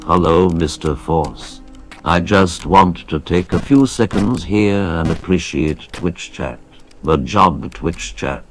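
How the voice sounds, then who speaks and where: A robotic text-to-speech man's voice reading out donation messages in a flat, even delivery. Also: low-pitched, slow pace, soft background music.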